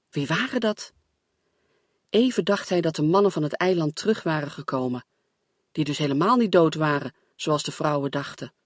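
A man's voice: a little high, no echo, clean studio sound. A man reading a story aloud as narrator, in a tense, dramatic storytelling manner. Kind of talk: scripted audiobook narration.

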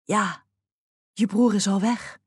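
A woman's voice: mid-range voice, steady tone, slow pace, husky, no room sound, studio quality. A woman voicing a nervous little male horned creature with webbed fingers in an audiobook, anxious and fretful. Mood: worried.

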